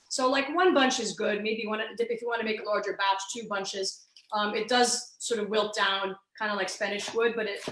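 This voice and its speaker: A woman's voice: fairly high pitch, a bit bright, reverberant, slight background noise, rough recording. A woman born in Kuwait and raised in Saudi Arabia, teaching a live online cooking class from her kitchen over a video call. She explains thoughtfully, with many ums and restarts. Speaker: cooking instructor.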